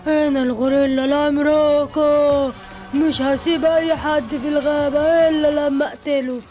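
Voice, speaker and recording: A woman with an Egyptian accent voicing a menacing giant gorilla monster that shouts loud threats in a homemade cartoon. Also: sits high, fairly even intonation, moderate pace, music in the background, close to an everyday voice. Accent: Egyptian Arabic.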